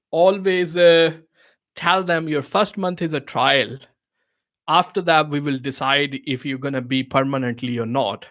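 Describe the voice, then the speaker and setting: With a fairly high, slightly bright voice, this Urdu-speaking host gives relaxed business tips on a live Q&A stream. His English is loose and non-native in phrasing, conversational and crowded with fillers and restarts, punctuated by "you know what I mean".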